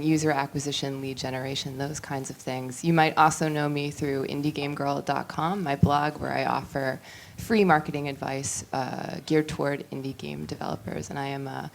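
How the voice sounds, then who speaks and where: A woman's voice: low-pitched, steady tone, normal speed. A woman introducing herself in front of an audience as a marketing executive at a live event. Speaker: chief marketing officer, panelist. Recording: live room with faint noise.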